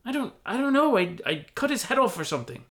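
A man's voice: fairly high pitch, big pitch swings, fairly quick, voice pushed up. A man voicing a young hobbit who is anxious, indignant and flustered, protesting earnestly in a parody audio story. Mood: pleading. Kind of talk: scripted audio fan-fiction parody.

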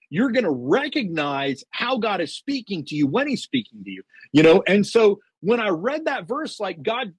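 Brief: middle-aged man, lively sing-song delivery, eager storyteller on a faith podcast. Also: sits high, slightly rough, dry recording. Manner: earnest storytelling, quotes himself and God; many fillers and restarts, excited. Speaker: podcast guest. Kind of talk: testimony in a faith interview.

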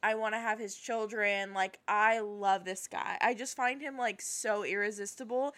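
A woman's voice: medium pitch, fairly even intonation, normal speed, a bit bright. A young woman co-hosting a podcast, chatting casually and gushing, with lots of "like" fillers. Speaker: podcast co-host. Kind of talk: casual chat.

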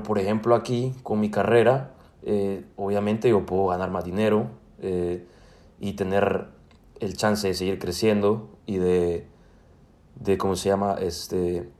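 A man's voice: lowish voice, level tone, normal speed, a little mellow. A man in his twenties from El Salvador with a Salvadoran Spanish accent, answering interview questions casually and hesitantly, with many fillers and restarts. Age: 20s. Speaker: student guest.

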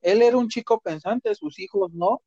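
A man's voice: sits high, animated, normal speed, mellow, no room sound. A young man with a Mexican accent, telling stories in crude slang in a casual chat. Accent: Mexican Spanish. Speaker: co-host. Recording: dull lo-fi dry recording.

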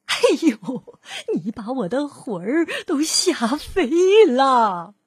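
A tiny, fierce old lady from a storybook, crying out and scolding in a shrill, high voice, as a woman puts her on. Her voice swings wildly and sounds a little breathy. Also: big pitch swings, slow pace, dry recording, clean studio sound, heavily acted. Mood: startled. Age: older. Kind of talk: storybook read-aloud.

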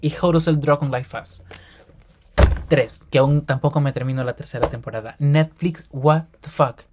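A young man hosting a solo podcast, rambling fast and animated with slang and self-corrections. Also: mid-range voice, noisy background. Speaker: podcast host. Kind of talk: casual solo podcast monologue.

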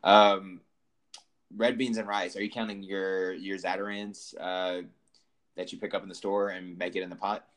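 Deep-voiced man hosting a podcast. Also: level tone, normal speed, a bit bright. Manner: easygoing, rambling questions. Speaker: podcast host. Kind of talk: casual sports podcast chat.

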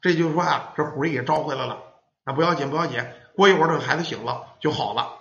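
A man's voice: fairly high pitch, fast talker, creaky, fairly bright tone. A man telling a ghost story, acting out the children and parents as he goes. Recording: roomy, dull lo-fi sound.

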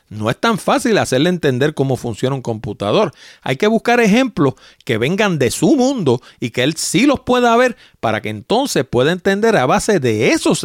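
A man's voice: on the high side, no echo, studio quality. A middle-aged man with a Puerto Rican Spanish accent, hosting his podcast in an emphatic, explanatory, conversational way. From Puerto Rico. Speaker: podcast host. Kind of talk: casual solo podcast talk.

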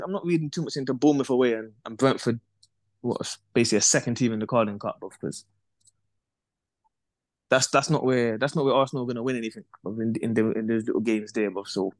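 A young man, co-hosting a casual football chat, animated and repetitive, dropping "bruv" and "bro" constantly. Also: medium pitch, dry recording, studio quality. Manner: animated, repeats himself, peppers talk with "bruv" and "bro". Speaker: podcast co-host.

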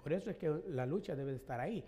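Hombre predicando con preguntas retóricas. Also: male voice, on the high side, animated, fast, dark tone. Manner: conversational preaching with rhetorical questions and chuckles. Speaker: pastor. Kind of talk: sermon.

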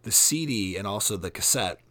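A man's voice: on the low side, animated, a little fast, bright, forceful tone. A middle-aged man in casual conversation, opinionated and swearing freely while going into detail on music releases. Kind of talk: casual chat.

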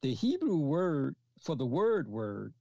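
A man slowly teaching through Bible passages, often halting and repeating phrases as he reads scripture aloud, in a dull lo-fi recording. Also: a little high, big pitch swings, creaky, mellow, dry recording. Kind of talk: slow expository Bible teaching.

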